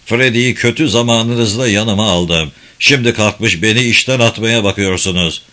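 A man's voice: fairly low pitch, moderate pace, pushed and bright. A man reading the lines of a hot-tempered casino boss who blusters angrily. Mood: resentful, threatening. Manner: angry and blustering.

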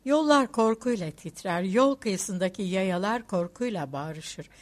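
A woman reads a classic novel aloud as an audiobook narrator. Her reading is expressive, swelling and dropping with the story, in a mid-pitched voice. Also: a little slow. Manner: expressive, rising and falling with the story.

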